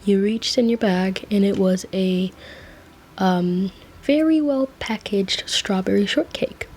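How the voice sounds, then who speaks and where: Woman narrator, whispered role-play, slow, casual asides, middle pitch. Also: a little mellow. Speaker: fan fiction narrator.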